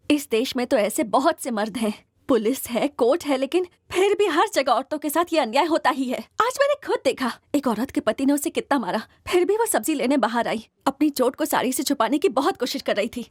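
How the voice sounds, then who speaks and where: Stern woman boss who scolds men, high lively voice over film music. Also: slightly rough, dry recording, studio quality. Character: stern outspoken female office boss. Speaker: office boss. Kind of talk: Hindi film dub acting. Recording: dubbed film with loud score.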